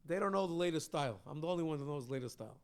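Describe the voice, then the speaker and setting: A man's voice: a little high, expressive, racing, darkish tone, smooth, pitched below the performer's own voice, lightly acted. A man voicing a poor, eager tailor in a told story, with a boastful manner. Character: poor excited old-world male tailor.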